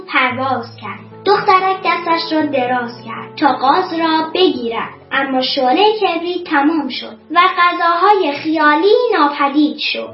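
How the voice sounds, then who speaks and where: A woman narrating a storybook in a soft, expressive way. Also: high voice. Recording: echoey, dull lo-fi. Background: faint music.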